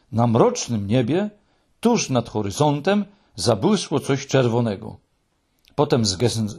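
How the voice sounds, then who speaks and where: Man reading a children's storybook, husky voice, lively melodic delivery, measured. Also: medium pitch. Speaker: audiobook narrator.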